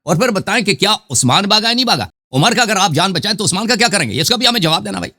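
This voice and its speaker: A man's voice: high-pitched, animated, bright, forceful tone. A man hosting a heated live debate, pressing his opponent with insistent questions and cutting in. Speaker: show host in a debate.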